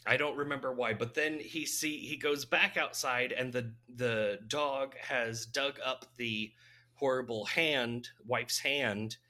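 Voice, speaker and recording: A man's voice: mid-range voice, fairly even intonation, takes it slowly, bright, forceful tone. A man casually recapping a movie plot in a rambling, amused way, laughing often. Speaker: podcast co-host recapping a movie. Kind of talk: casual chat.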